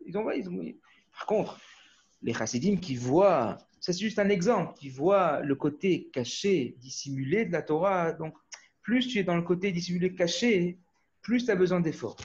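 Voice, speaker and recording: This Australian-born Torah teacher has a high, animated voice, a little mellow, at an ordinary pace. Over a muffled video call he gives an informal lesson that wanders, restarting often and checking in with a "hmm?" to his listeners.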